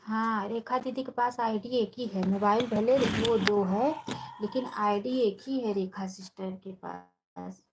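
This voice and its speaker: Woman live-streamer, gravelly and unhurried, greets viewers by name. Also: medium pitch, slight background noise, low-quality recording. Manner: chatty, addresses viewers by name; talks softly and slowly, holding her voice down. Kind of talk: casual live-stream chat.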